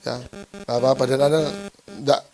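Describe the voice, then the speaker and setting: A man's voice: mid-range voice, little pitch movement, normal speed, a little mellow, soft background music. A male pastor with a Surabaya accent preaching a playful, joking sermon to his church, teasing the congregation and laughing often. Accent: Surabaya Javanese-flavored Indonesian. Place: church service.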